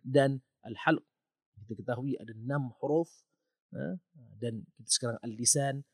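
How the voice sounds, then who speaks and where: Husky Malaysian man teaching tajwid. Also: mid-range voice, dry recording, studio quality. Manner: patient, repeats and sounds out letters. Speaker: tajwid teacher, podcast host. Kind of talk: podcast lesson.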